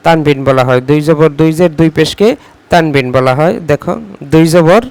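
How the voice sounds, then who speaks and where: A man with a Bangladeshi Bengali accent teaches a class, repeating each question so it can be written down and sounding out letters one at a time. His voice sits a little high and comes through smooth and resonant. The recording is close and dry. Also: darkish tone, no echo. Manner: repeats questions slowly for dictation. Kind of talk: classroom lesson dictation.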